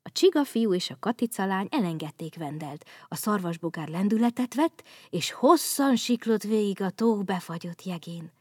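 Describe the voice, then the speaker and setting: A woman's voice: medium pitch, expressive, breathy edge, dry recording, clean studio sound. Woman reading a children's story.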